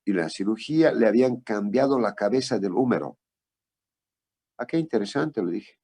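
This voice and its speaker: A man's voice: fairly low pitch, expressive, a little fast, warm tone, slightly rough. A man lecturing on traumatology, telling a patient case in a conversational way and asking for the next slide.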